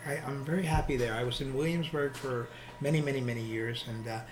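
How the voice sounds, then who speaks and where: A man's voice: medium pitch, fairly even intonation, quick pace, crowd noise. A middle-aged or older man with a New York Queens accent, chatting casually as a guest and often repeating words as he goes. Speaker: interview guest, nightlife veteran. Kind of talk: casual chat. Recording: roomy echo, clearly noisy ambience.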